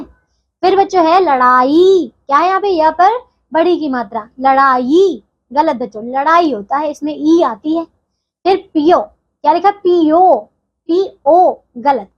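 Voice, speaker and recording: A woman's voice: high voice, highs cut off. A woman teaching a grammar lesson to young children, patient and explaining step by step, often checking that they follow.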